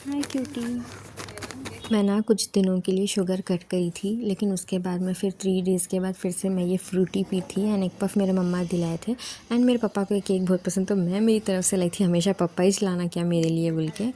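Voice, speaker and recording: A woman's voice: on the low side, steady tone, fairly quick, mellow, slight background noise. A young woman narrating her day vlog in a casual, chatty, rambling way, mixing in English words. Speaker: vlogger.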